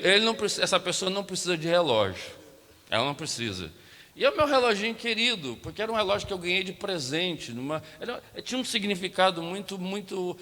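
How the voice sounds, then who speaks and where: A man preaching from a church platform with a Brazilian Portuguese accent, his voice pitched a little high and bright with forward edge. He tells his story animatedly, acting out each exchange and calling out to the congregation. The sound carries a long sanctuary reverb. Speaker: pastor. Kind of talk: storytelling sermon.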